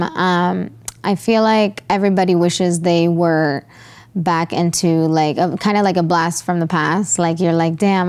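A bubbly young American woman talks casually about music on a lapel mic in a studio. Her voice sits at an ordinary middle pitch, and she chats freely with plenty of filler words. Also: a little mellow. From United States. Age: young adult. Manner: bubbly, chatty, laughs often, many fillers. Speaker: guest pop singer. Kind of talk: casual interview reactions. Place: studio with green and purple backdrop.

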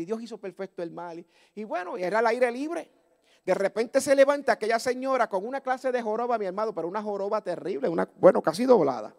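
A male pastor, preaching a fervent Pentecostal sermon through a story that builds to loud exclamations. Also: very high voice. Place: church service.

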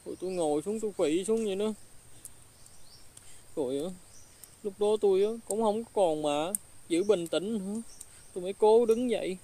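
A woman's voice: medium pitch, normal speed, long pauses, warm tone. A middle-aged woman with a Southern Vietnamese accent telling her own story in a ghost film, indignant and aggrieved. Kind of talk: first-person dramatic storytelling.

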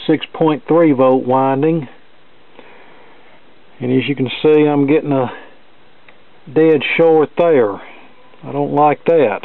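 A hobbyist radio repairman walks through a fix step by step at a cluttered indoor electronics workbench. His smooth, clear voice stays very level in pitch, and he speaks in a plain, measured way. The audio is thin and band-limited like a phone line, with little room sound and no echo.

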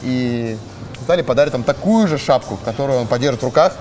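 A middle-aged man hosting, asking quick questions in casual chat in a gym. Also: mid-range voice, background noise. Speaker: host. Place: indoor gym.

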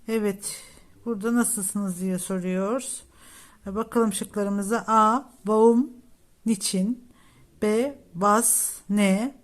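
A woman teacher talks through test questions at a slow, deliberate pace. Her voice sits a little high, and she reads each option before giving its meaning. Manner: reads each option aloud, then gives the Turkish meaning. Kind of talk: exam prep lesson walking through test questions.

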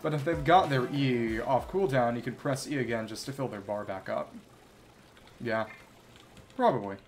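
A man with a mid-range voice talks at a normal speed as he streams a video game, rambling casually and thinking out loud while playing. Video game music plays behind him.

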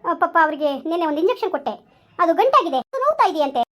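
Brief: fast-talking, very high-voiced scheming mother-in-law, preachy and bossy, played by a woman. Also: sing-song, fairly bright tone, full character voice. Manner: falsely sweet, lecturing, bossy. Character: scheming mother-in-law posing as social worker.

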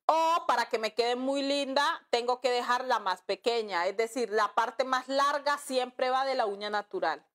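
Nail teacher lady on a livestream, high voice, super chatty, reads comments and calls everyone love. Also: normal speed, hardly any pauses, a bit bright. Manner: chatty, calls viewers "mi amor" and "amiga". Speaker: nail art instructor. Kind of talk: live-streamed tutorial, reading viewer comments.

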